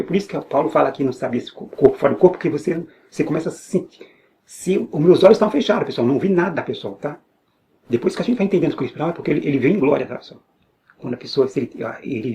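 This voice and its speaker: A man's voice: on the high side, dark tone, slight background noise. A man with a Brazilian Portuguese accent giving an earnest personal religious testimony, repeating phrases and restarting often. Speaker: evangelical believer giving testimony.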